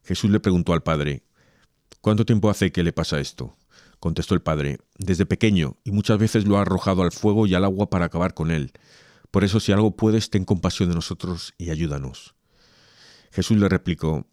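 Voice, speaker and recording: A man's voice: deep voice, darkish tone, no echo, clean studio sound. A man who reads a Gospel passage aloud and then chats casually about faith, hesitating and restarting as he talks. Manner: hesitant, restarts and laughs while chatting. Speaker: reader and co-host. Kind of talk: Gospel reading and casual religious chat.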